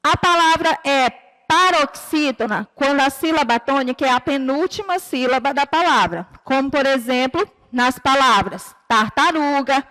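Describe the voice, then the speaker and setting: A Brazilian woman teacher giving a recorded lesson to children, explaining patiently and clearly and drawing out her example words. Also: sits high, moderate pace, bright, forceful tone, big-room sound. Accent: Brazilian Portuguese. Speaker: primary school teacher.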